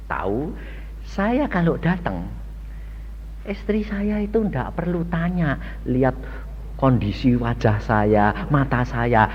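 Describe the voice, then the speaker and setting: In a reverberant church hall, captured on a lo-fi recording, an older man delivers a folksy, storytelling sermon. He acts out dialogue and quizzes the congregation in a husky voice that runs on the high side with a fairly bright tone.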